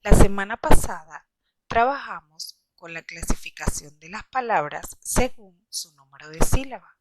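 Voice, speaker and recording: A woman teacher reading a scripted lesson for schoolchildren, explaining slowly and deliberately. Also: mid-range voice, animated, background noise. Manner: slow, deliberate explaining to children.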